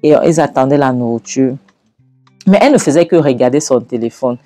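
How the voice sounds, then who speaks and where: Man, casual film recap narration, rambling restarts, mellow tone, faint music behind. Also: medium pitch, lively intonation, fairly quick, dry recording.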